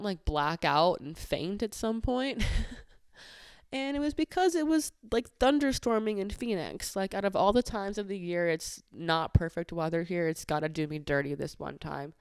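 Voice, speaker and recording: A woman podcast host chats through a story in a loose, filler-heavy way, her voice a touch lower than most and smooth and clean. The sound is dry and close, with no room around it. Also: dry recording. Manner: chatty, many filler "like"s, exasperated retelling. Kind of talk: casual storytelling monologue.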